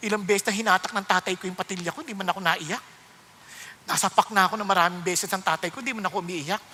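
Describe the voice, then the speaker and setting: A man's voice: high-pitched, fast talker, a little hiss or hum. A male pastor giving a sermon, mixing English scripture into Filipino and acting out the people in his anecdotes. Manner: animated storytelling, acting out voices of people in anecdotes; mixes English Bible quotes into Filipino preaching. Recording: hall reverb.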